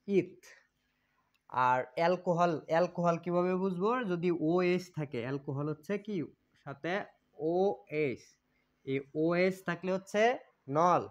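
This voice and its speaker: A man with a fairly high voice teaches a chemistry lesson, and the recording sounds muffled and lo-fi. He repeats his points and keeps asking questions, then answering them himself. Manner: repetitive, asks and answers own questions. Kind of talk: classroom lecture. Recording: dull lo-fi recording.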